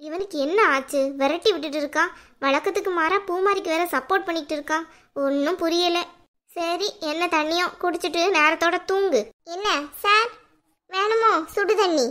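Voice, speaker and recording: A fierce, fed-up young wife in a cartoon, voiced by a woman. She talks back sharply with a sarcastic edge, in a very high, bright voice. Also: a little fast. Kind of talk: cartoon voice acting.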